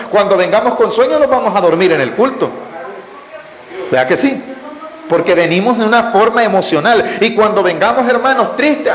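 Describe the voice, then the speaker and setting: A man preaching at a church Bible study, asking the congregation rhetorical questions and answering them himself, calling them brother and praising God between points. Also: high voice. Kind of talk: sermon-style Bible teaching. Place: church hall, indoors. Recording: echoey church hall with long reverb.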